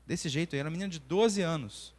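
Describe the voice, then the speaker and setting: A man's voice: a little high, fast. A Brazilian man in his forties teaching a church class as a doctor, telling stories and acting out the dialogue. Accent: Brazilian Portuguese. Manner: animated storytelling, acting out dialogue. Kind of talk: church lesson with personal stories. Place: church hall. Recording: long reverb of a church hall.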